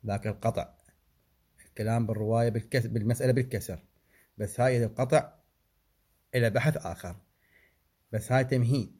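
A man teaching religious law in a seminary-style lecture. He recites figures from a text in a measured way, breaking off for short asides and corrections. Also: mid-range voice, darkish tone, slightly rough.

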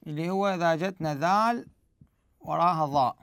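A man walks learners through recitation rules one step at a time. His voice sits high with a gravelly edge, yet stays smooth and resonant, recorded dry and close. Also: a little fast, a bit bright, dry recording. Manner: explains step by step, asks himself questions and answers them. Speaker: Quran recitation teacher. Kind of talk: tajweed lesson.

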